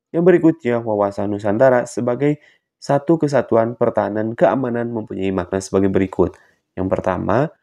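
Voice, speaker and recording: A male teacher, narrating a video lesson and addressing his students directly in a steady, explanatory way. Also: fairly low pitch. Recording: dull lo-fi recording.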